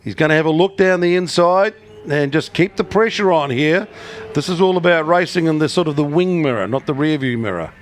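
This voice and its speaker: A man's voice: a little high, animated, fairly quick. A man with a New Zealand accent calling a motor race live as a race caller, building suspense in short punchy phrases and questions.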